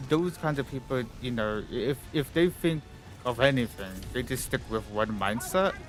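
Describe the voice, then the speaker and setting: A man's voice: medium pitch, normal speed. Rambling streamer guy, faint music behind. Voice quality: sounds a bit stuffy-nosed. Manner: rambling, filler-heavy, full of "like" and "you know". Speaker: live streamer. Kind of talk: casual chat while gaming on stream.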